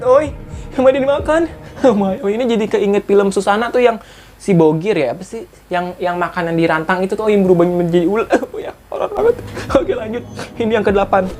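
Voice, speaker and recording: A woman's voice: medium pitch, darkish tone. Chatty woman reading horror stories. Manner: chatty, exclaims "oi" and "oh my" often, laughs a lot. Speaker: horror story YouTuber. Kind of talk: reading short horror stories with casual commentary.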